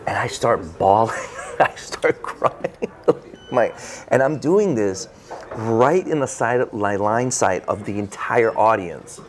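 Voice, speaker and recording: Animated man telling a story, lowish voice. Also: measured pace, a little hiss or hum. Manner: animated anecdote-telling, acts out his own reactions, many fillers. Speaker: author guest. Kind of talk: interview storytelling. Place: bookstore event space.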